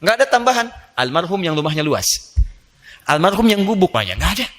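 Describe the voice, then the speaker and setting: A man preaching a lively sermon, playful and animated, joking with the audience and acting out little scenes. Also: high voice, brisk. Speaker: Islamic preacher.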